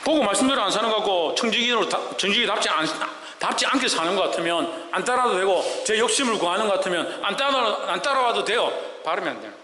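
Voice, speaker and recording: A male pastor preaching emphatically, firing rhetorical questions and swinging between loud and soft. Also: high-pitched, animated, fast, few pauses, echoey room, in a large hall, a little hiss or hum, low-quality recording. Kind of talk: sermon. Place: church sanctuary.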